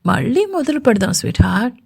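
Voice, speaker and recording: A woman's voice: a little high, big pitch swings, brisk, creaky, slightly rough, heavily acted. A woman voicing a young male CEO in a romantic audio story, playful and teasing in manner. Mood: tender.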